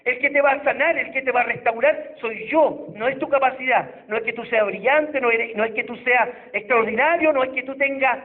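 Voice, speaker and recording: A Chilean pastor preaches in a very high voice, dramatizing the voices in the scripture he retells. The sound is thin and phone-like, as if captured on a cheap church recording. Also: brisk, few pauses. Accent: Chilean Spanish. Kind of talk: sermon.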